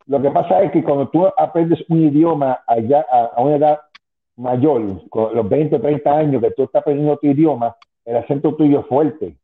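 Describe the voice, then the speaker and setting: A man in his fifties, a former wrestling manager, speaks as a guest in a casual phone interview, rambling with many restarts and asides. His voice is a little high and his pace moderate. He comes from a Spanish-speaking background, moved to the US at ten, and the phone line sounds tinny.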